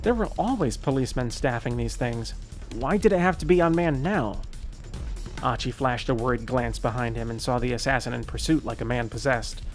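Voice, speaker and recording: A male gaming streamer reading a visual novel's narration aloud, with a steady voice and the odd slip he corrects. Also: mid-range voice, brisk, faint music behind. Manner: steady narrating read with occasional slips and self-corrections.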